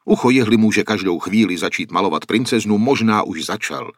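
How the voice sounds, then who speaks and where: A man's voice: on the low side, lively intonation, no echo, studio quality. A man voicing an old wandering painter who explains in an earnest, solemn way. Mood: grave. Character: old wandering male painter, grave and worried.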